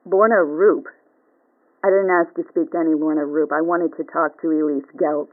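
A woman's voice: low voice, steady tone, moderate pace. An actress playing a threatening woman caller, heard over a speakerphone, cold and insistent. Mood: indignant. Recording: tinny phone line.

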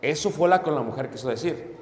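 A man preaching a sermon on marriage to a congregation, acting out husband and wife exchanges with lively voices and asking the audience to agree. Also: a little high, a little fast. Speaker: pastor. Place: church hall. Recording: echoey hall with long reverb.

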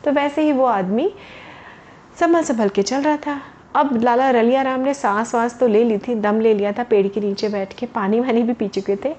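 A woman's voice: a little high, moderate pace, a little mellow. A woman storyteller narrating a tale to children, explaining words as she goes and addressing them directly.

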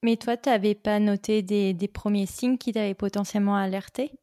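Warm-toned woman podcast host. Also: mid-range voice, steady tone, normal speed. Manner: friendly questions, short backchannels. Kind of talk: podcast interview.

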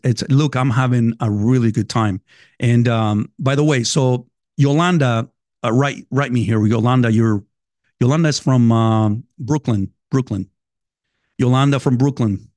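A man's voice: medium pitch, a little mellow, dry recording, studio quality. Salvadoran-accented man hosting a podcast. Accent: Salvadoran Spanish. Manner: loose, chatty, swears casually, talks straight to listeners. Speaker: podcast host. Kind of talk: casual podcast monologue. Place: at a desk by his computer.

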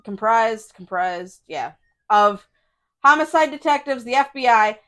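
A woman's voice: high-pitched, moderate pace, a bit bright. A woman co-host reading out case details, with blunt, sweary, casual asides.

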